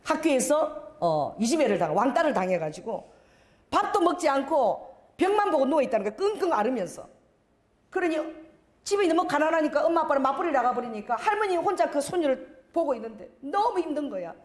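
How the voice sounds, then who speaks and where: A woman's voice: sits high, brisk, roomy sound. A middle-aged woman pastor preaching a sermon, telling a story with lots of drama and acting out the scenes. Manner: animated, dramatic storyteller who acts out scenes.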